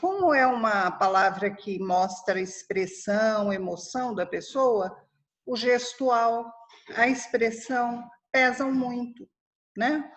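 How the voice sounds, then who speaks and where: Slow-paced teacher woman, higher voice. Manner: explanatory, checks in with "tá?" and "né?". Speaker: Portuguese teacher. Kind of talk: online grammar lesson.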